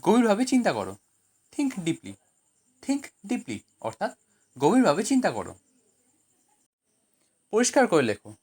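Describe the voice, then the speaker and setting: A woman with a Bengali accent teaching spoken English, saying each phrase slowly and then giving its meaning in Bengali. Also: mid-range voice, huge pitch swings, darkish tone, slightly rough. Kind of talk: language lesson, phrase then translation.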